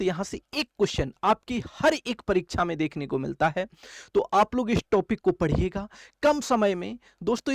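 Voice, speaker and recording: In a step-by-step classroom lecture for exam prep, a maths teacher with a high voice repeats key phrases and poses questions he then answers himself. The recording is dry.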